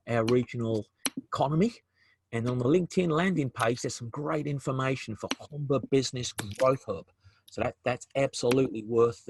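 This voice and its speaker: Over a video call, a man with a South African accent runs a business webinar, often restarting phrases and repeating words as he goes. His medium-pitched voice sits against slight background noise.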